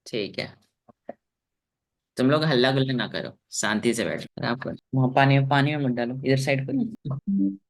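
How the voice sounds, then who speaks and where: A man with an Indian accent teaching English in an online class over a video call, drilling words slowly and repeating each one three times, stern with his pupils. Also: medium pitch. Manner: stern with students.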